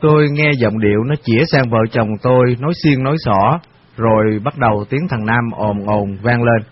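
A man narrating a memoir story in a calm, reflective way, on a dull radio recording with soft music. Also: mid-range voice, moderate pace, breathy edge.

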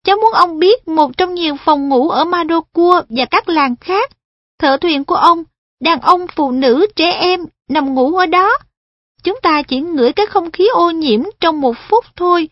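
A woman's voice: very high-pitched, normal speed, no room sound, voice pushed up. A woman voicing an earnest, polite young girl who speaks eagerly in a storybook reading. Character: earnest young girl guiding an old man. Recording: dull lo-fi audio, dry.

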